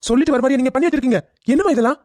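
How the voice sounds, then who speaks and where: Fast-talking angry cartoon son, voiced by a woman. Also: high voice, darkish tone, no echo, clean studio sound, natural voice. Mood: accusing. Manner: demanding, rapid questioning. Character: angry young adult son confronting his mother. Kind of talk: cartoon family drama voice acting.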